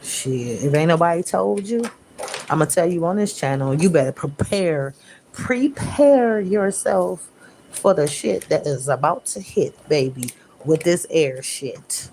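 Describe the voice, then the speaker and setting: A woman's voice: low voice, a little slow, a little hiss or hum. A woman giving a casual tarot reading, talking bluntly with lots of profanity and slang. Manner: profane, blunt, animated slang-heavy talk; mimics listeners in raised voice. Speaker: tarot reader.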